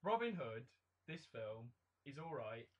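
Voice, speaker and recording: A man with a slightly husky voice gives blunt, opinionated takes in a casual film review chat. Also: medium pitch, big pitch swings, measured pace, highs cut off.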